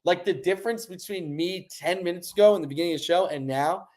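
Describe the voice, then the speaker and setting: A young man co-hosting a casual podcast chat talks fast, excitable and rambling yet stressed, swinging between low mumbles and loud bursts.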